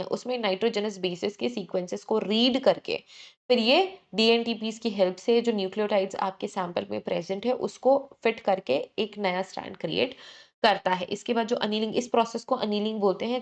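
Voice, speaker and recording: A woman teaching an exam revision lecture, explaining briskly, often checking in with the class and correcting herself as she goes. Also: mid-range voice. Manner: brisk, repeats "ठीक है" to check in, self-correcting; mixes English terms into Hindi explanation.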